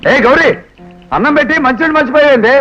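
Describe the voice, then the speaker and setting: Teasing village youth, high lively voice, dull film audio. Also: male voice, rapid-fire. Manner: teasing, mischievous. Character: teasing, playful young village man. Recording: dull film soundtrack with music.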